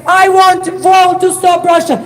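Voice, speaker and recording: A woman from Ukraine with a Ukrainian accent, giving an impassioned shouted speech at an outdoor street protest. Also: very high-pitched, flat delivery, moderate pace, slight background noise, low-quality recording. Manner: impassioned, shouting slogans and appeals. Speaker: protest speaker. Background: faint crowd.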